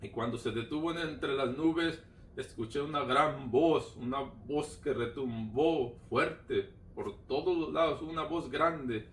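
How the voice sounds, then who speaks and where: A man's voice: medium pitch, takes it slowly, slight background noise. A man giving a personal religious testimony, retelling it fervently with lots of repetition. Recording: roomy sound from a distant mic.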